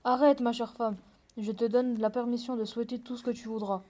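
A quick-tempered peasant husband from an old fairy tale, read aloud by a woman. The voice sits fairly high but stays flat and even, with a soft, dark tone. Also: close to an everyday voice. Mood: pleading. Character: hot-tempered peasant husband, middle-aged man.

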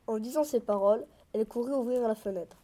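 A woman narrating a fairy tale aloud in a measured, expressive way. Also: fairly high pitch. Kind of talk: storybook reading.

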